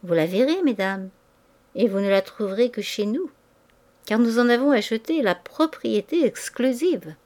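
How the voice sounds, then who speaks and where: A woman doing a suave flattering shop owner. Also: fairly high pitch, moderate pace, lightly acted. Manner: smooth, flattering, fluted actorly tone. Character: suave male store owner charming society ladies.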